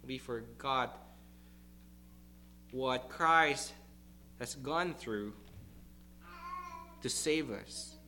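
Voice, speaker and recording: A male pastor preaching a sermon to his congregation, emphatic and deliberate, repeating key words for stress. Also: mid-range voice, bright, forceful tone, a little hiss or hum.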